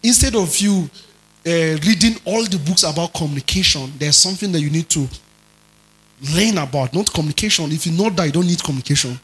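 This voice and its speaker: A man preaching a sermon as pastor. He moves between quiet asides and loud, drawn-out emphasis, and keeps asking the congregation questions. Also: a little high, lively intonation, poor audio. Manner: dramatic preaching, shifts between soft asides and shouted emphasis.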